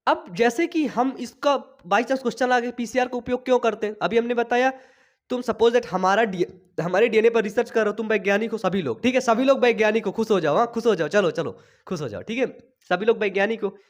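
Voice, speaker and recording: A young male teacher with a high voice runs a chatty biology lesson for students, tossing out questions and answering them himself. He has a cold and keeps coughing. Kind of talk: board exam lesson for students.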